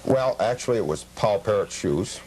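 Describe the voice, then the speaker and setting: In a television studio, a guest collector from America responds to interview questions in a low, darkish voice with lively intonation. He stays factual and somewhat formal, explaining at a measured rate, and the audio has the slight noise of an old TV tape.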